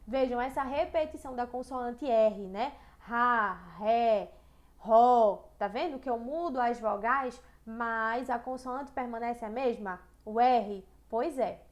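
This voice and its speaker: Chatty Brazilian woman teacher, higher voice. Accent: Brazilian Portuguese. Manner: chatty, checks in with tá? and né?; reads poems aloud slowly and rhythmically. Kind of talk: online lesson.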